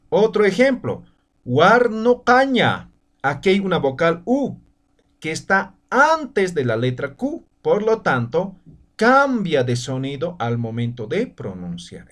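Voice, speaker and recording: A man teaching a spoken lesson over slides, slowly stretching out example words and checking in with short "right?" tags. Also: a little high. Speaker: language teacher.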